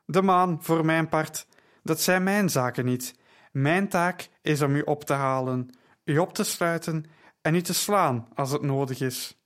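A man voicing an arrogant male soldier with a hoarse, strangled rasp, speaking curtly and with menace in an audiobook. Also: on the high side, a little slow, natural voice. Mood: menacing. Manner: curt and menacing.

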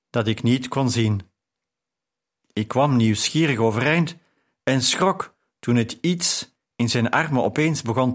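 A man narrating a novel in the first person as an audiobook, calm and measured. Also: mid-range voice.

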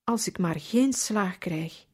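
A man's voice: sits high, takes it slowly, breathy edge, exaggerated voice. A woman voicing a timid teenage orphan boy who gives short, hesitant answers in a storybook reading. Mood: shy.

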